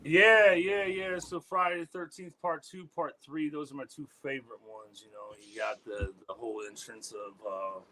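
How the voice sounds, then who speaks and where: A deep-voiced man talks at a normal speed with hardly any pauses, a crowd audible behind him on a poor recording. He's a guest musician in a casual interview, laid-back, swearing often and trailing off into fillers.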